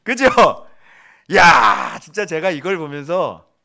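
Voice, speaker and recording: A male pastor preaching a sermon in an animated, exclamatory way, often putting questions to the congregation. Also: fairly high pitch, slow pace, vocal fry.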